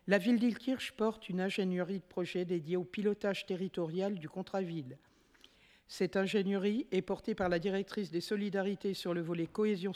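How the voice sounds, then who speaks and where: A woman councillor presenting a motion at a city council, reading an administrative report in a steady, measured way and now and then correcting herself. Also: fairly low pitch, in a large hall.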